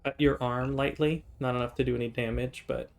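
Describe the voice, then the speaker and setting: A man's voice: mid-range voice, fairly even intonation, a little fast. A man running a tabletop role-playing game as game master, narrating scenes and speaking for characters.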